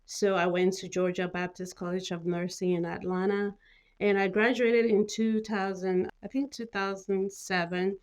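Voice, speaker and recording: Speaking as a guest in an interview, this middle-aged mental health nurse practitioner from Cameroon has a medium-pitched voice with little pitch movement at normal speed. Her talk is informal and loaded with filler, especially "you know."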